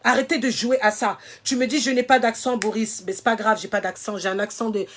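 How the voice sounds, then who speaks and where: High-voiced, indignant woman ranting. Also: steady tone, fairly quick, a little hiss or hum. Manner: emphatic, indignant, repeats her points. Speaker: social media commentator. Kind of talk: impassioned vlog rant to viewers.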